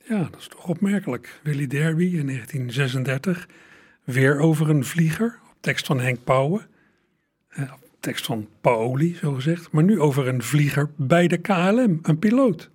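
Husky man presenting old records. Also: a little high, lively intonation, moderate pace. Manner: chatty, addresses listener directly. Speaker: radio presenter. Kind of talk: talking to listeners about old records.

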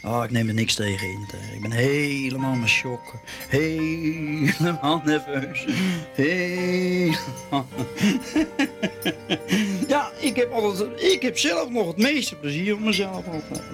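A man's voice: on the high side, animated, normal speed, vocal fry, music in the background. A middle-aged man with a Dutch accent, interviewed on radio, talking in a theatrical, giggly, nervous way.

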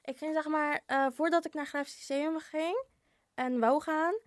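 A woman's voice: high-pitched, fairly even intonation, moderate pace. A young woman from Poland with a Polish accent, chatting casually and hesitantly with many fillers. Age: young adult. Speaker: panel guest. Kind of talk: casual chat.

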